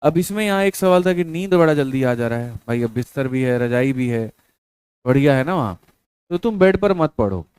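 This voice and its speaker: A man's voice: mid-range voice, animated, moderate pace, darkish tone, clear, resonant tone, dry recording. A man giving colloquial motivational study advice to exam students, repeating his points and calling them brother.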